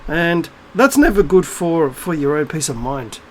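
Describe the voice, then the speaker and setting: A man's voice: on the high side, very animated, unhurried, a little hiss or hum, poor audio. Blunt, profane middle-aged man ranting. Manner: blunt, profane, rambling with many fillers and restarts. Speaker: video blogger. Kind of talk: unscripted ranting monologue.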